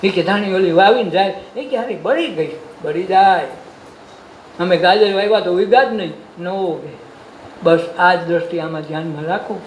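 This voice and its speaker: High-voiced Gujarati preacher in an echoey room. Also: male voice, normal speed. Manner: folksy storytelling with questions and answers. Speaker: satsang preacher. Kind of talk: devotional sermon with sung verses. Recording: echoey room with faint noise.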